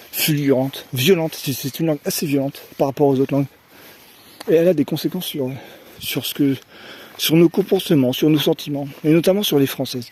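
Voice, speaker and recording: Rambling man with a warm, mellow voice. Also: on the high side, slight background noise. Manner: rambling, stalls on fillers and tag questions; repeats words while searching for phrasing. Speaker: vlogger. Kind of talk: casual opinion monologue.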